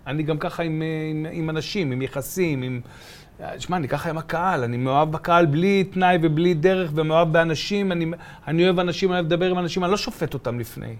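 A middle-aged man from Be'er Sheva, a comedian telling stories as a guest in a casual interview and acting out voices and sounds. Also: fairly high pitch. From Israel, from Be'er Sheva. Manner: animated, acts out voices and sounds.

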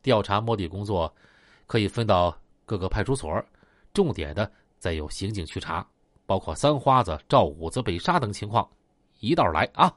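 A man voicing a middle-aged male police chief who gives orders in a measured briefing tone. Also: fairly low pitch, expressive, dry recording, pitched below the performer's own voice. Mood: instructing.

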